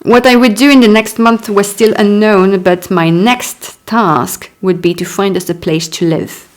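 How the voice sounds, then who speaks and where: A woman in her thirties, an author whose first language is French, reads her own memoir aloud in a steady, medium-pitched voice. Her reading is unhurried and keeps breaking off for chatty asides and little laughs.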